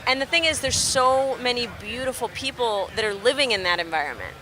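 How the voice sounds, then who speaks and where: A young woman from Texas, a musician being interviewed outdoors, telling stories in an animated, chatty way and laughing easily. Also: fairly high pitch, fairly quick, some chatter behind. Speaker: musician guest. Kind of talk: casual interview chat. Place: outdoors at a festival near traffic.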